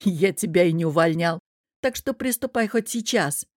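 A woman's voice: lowish voice, animated, normal speed, no room sound. A woman reading the part of a tall, broad-shouldered gym boss who talks curtly and jokes a little, in a storybook read with a dry close sound. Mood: amused, friendly. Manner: curt, gruff, half-joking. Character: confident man, gym boss, brusque but friendly.

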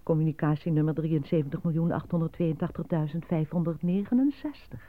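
An actress plays a formal female announcer in a radio play, reading slogans and lonely-hearts ads from a script in a deliberate, measured way. Her deep voice sounds close to everyday speech. The recording is old, dry, and narrow like a phone line, with a noisy background.

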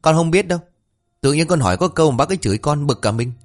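A man voicing a cheeky, talkative young male villager who speaks in a raised, whiny, excitable voice. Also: fairly low pitch, a little fast. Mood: tattling.

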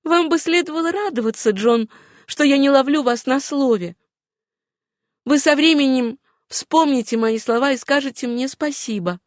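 A woman reading an audiobook voices a gentle, wistful young woman with a hard past, speaking softly. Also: sits high, expressive, normal speed, no echo, studio quality, pitched above the performer's own voice.

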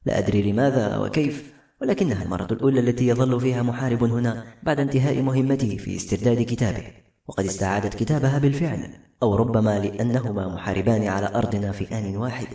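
A man's voice: medium pitch, rapid-fire, gravelly, mellow, natural voice. A man reading the part of an anxious, wise queen in an audiobook story, speaking earnestly. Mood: worried. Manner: worried, earnest. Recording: roomy echo, faint music.

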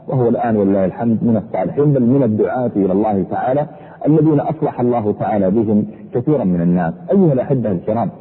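A man preaching a sermon in a husky voice, fervent, his pitch sweeping up and down. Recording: echoey hall over a tinny phone-like line.

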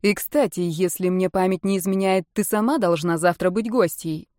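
Woman voicing a straight-talking young woman, crisp, teasing, dry close audiobook sound. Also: on the low side, steady tone, normal speed, darkish tone, no room sound, lightly acted. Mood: sceptical. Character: direct, sharp-witted young woman, mocking.

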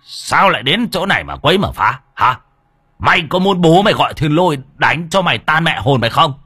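A man's voice: a little high, big pitch swings, brisk, bright, forceful tone, husky, voice pushed up, full character voice. A man voicing an angry male exorcist who scolds and threatens. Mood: threatening.

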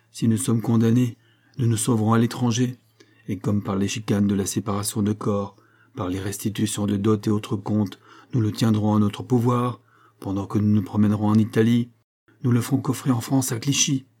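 A man's voice: mid-range voice, dark tone, natural voice. A man reading aloud as a scheming, vengeful husband who taunts his rival with irony. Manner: taunting, ironic.

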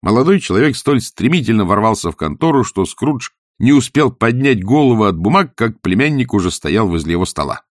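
A man narrating a story with expressive storytelling. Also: on the low side, a little fast, hardly any pauses, no echo, studio quality. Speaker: audiobook narrator. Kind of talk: scripted narration.

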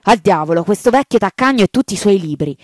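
A woman voicing an irate male college rector, a priest who shouts and mocks bitterly. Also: lowish voice, fairly quick, dry recording, studio quality, close to an everyday voice. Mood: furious.

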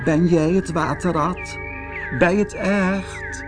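A man's voice: high voice, normal speed, over loud music, voice pushed up, close to an everyday voice. A man voicing a timid little male mole who is fearful and worn out, in a pleading, trembling way. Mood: frightened.

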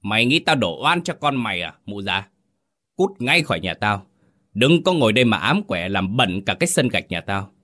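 A man voicing a cruel, arrogant rich young master who shouts with contempt. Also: lowish voice, big pitch swings, moderate pace, full character voice. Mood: furious contempt.

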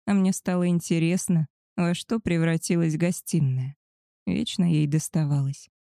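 An expressive woman narrating a first-person audiobook. Her voice sits fairly low with a dark, mellow color. The recording is dry and close. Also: moderate pace, no echo.

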